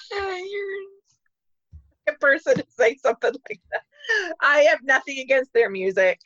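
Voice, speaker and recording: A woman's voice: high-pitched, very animated, unhurried, a bit bright, dry recording, dull audio. A woman comedian chatting playfully on a podcast and laughing often. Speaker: comedian guest. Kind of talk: casual podcast chat.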